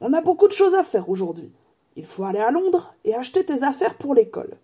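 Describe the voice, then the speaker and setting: A woman's voice: sits high, sing-song, a little fast, mellow, voice pushed up. A woman reading a storybook aloud and voicing a big, proud, grumbling male giant in a raised, blunt voice. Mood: hearty.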